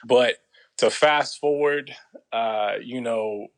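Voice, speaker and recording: A man, telling his life story as a podcast guest in a relaxed, slangy way. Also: medium pitch, takes it slowly. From Los Angeles. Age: 30s. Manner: laid-back storytelling, slangy, many fillers. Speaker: guest, former soldier. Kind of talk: casual interview.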